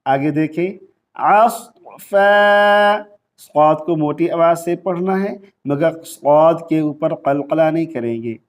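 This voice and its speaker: His voice is fairly high and a little mellow. He is a Quran teacher giving a tajweed lesson, explaining rules at speed in Urdu with a Pakistani accent and then reciting the Arabic verses in slow, elongated tones.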